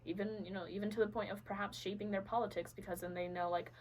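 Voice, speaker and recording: A woman's voice: mid-range voice, fairly even intonation, fast, a little mellow, slight background noise, low-quality recording. A young adult woman from Venezuela, a podcast guest, telling her personal story earnestly with many fillers and restarts.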